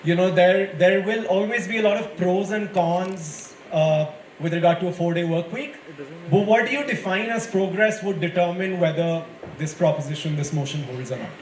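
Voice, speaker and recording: A man's voice: sits high, moderate pace. A man with an Indian accent, judging a debate and giving students encouraging, conversational feedback in an impromptu speech. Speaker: debate judge. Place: indoor school event space with audience. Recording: echoey hall, faint crowd and noise.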